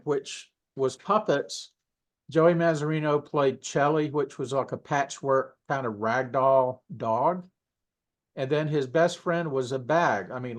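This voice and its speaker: A man, a puppeteer, telling stories in a casual interview. He rambles and corrects himself, often clearing his throat and coughing between thoughts. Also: mid-range voice. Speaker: puppeteer guest.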